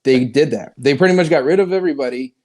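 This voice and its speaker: A man talks easily on a casual podcast, relaxed and a little profane. His voice is mellow and warm, at a middle pitch. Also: quick pace. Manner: laid-back, easygoing, profane. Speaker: podcast co-host. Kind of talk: casual chat.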